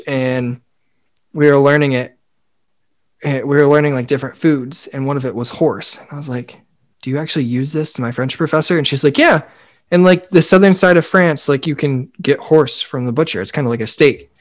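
A man's voice: on the high side, normal speed. A young man co-hosting a podcast, rambling casually with lots of filler words. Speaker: podcast co-host. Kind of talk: casual chat.

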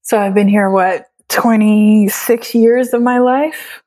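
A woman in her late twenties from Trinidad, a guest in a casual conversation, chatty and quick to laugh. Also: medium pitch, steady tone, dark tone, dry recording. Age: late 20s. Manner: laughs often, chatty with fillers. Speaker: guest photographer.

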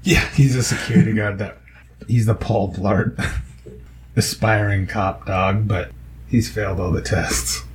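A man in casual chat, tossing in quick jokes. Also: fairly low pitch, steady tone, a little hiss or hum, low-quality recording. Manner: joking, quick quips.

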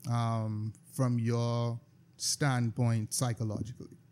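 Mellow-voiced podcast host. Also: male voice, medium pitch, level tone. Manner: probing, fires off rapid questions. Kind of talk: casual discussion.

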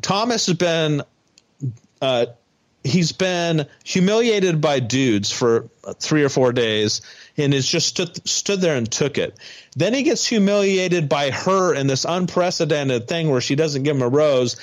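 Higher-voiced man recapping a show. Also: a little slow. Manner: animated recapping with frequent ums and restarts. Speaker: podcast co-host. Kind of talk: casual chat.

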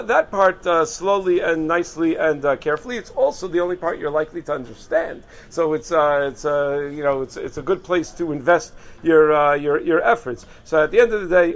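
Guy with a high voice teaching a torah class, chatty, lots of uhs, kinda muffled audio. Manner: explains conversationally with frequent "uh" and restarts, mixing Hebrew terms. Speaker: rabbi giving a short halachic lesson. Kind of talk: casual Torah lesson podcast.

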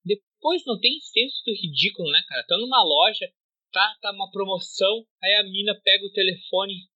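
A blunt woman co-host chatting on a podcast, mocking freely and swearing often. Her voice is very bright and cutting. The recording is dry and slightly muffled. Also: mid-range voice, normal speed, dry recording. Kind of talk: casual podcast chat.

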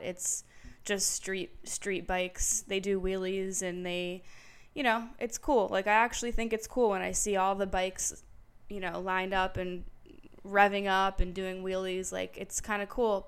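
A woman in her late twenties hosting a podcast, telling a story in casual chat, candid and profane, growing louder and more heated as she recounts it. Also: mid-range voice, clear, resonant tone. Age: late 20s. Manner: candid and profane, retelling with emphatic repetition. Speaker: podcast host. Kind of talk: casual solo storytelling monologue.

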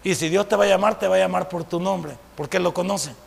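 Man, pastor: very high, gravelly voice, emphatic sermon with loud and quiet swings, in a church hall with long reverb. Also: quick pace. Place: church sanctuary.

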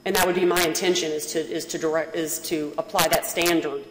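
A woman lawyer making a formal, measured and precise oral argument to judges, with a deferential manner. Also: sits low, steady tone, a crowd in the background. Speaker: appellate lawyer. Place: courtroom. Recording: very echoey hall, faint noise.

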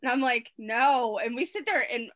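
Slightly high-voiced Baltimore woman telling anecdotes. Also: lively intonation, fast, a bit bright. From Baltimore, USA. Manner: anecdotal storytelling. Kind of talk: casual chat.

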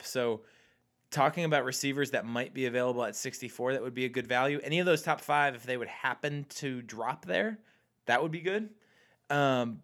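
A man's voice: mid-range voice, fairly bright tone. A man co-hosting a casual sports podcast, losing his voice, breaking down draft prospects analytically. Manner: analytical, laughs at himself. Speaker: podcast co-host.

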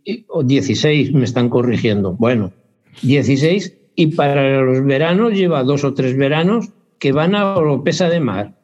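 This basketball parent's voice is mid-range and darkish, and he speaks at normal speed during a casual interview chat. He wanders and hesitates, frequently correcting himself, on a dull, lo-fi recording.

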